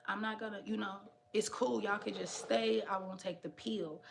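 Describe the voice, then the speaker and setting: A woman's voice: medium pitch, steady tone, normal speed, vocal fry, background noise, natural voice. A woman imitating a defensive, agitated young man in a storytelling vlog. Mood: placating.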